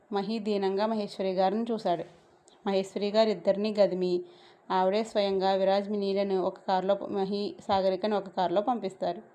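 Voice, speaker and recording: A woman's voice: mid-range voice, mellow. A woman narrating a scripted romance story and voicing every character herself.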